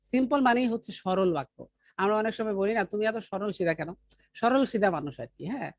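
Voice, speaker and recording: A woman teaching an English grammar lesson, explaining step by step, asking the class questions and reading example sentences very slowly. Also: medium pitch, lively intonation.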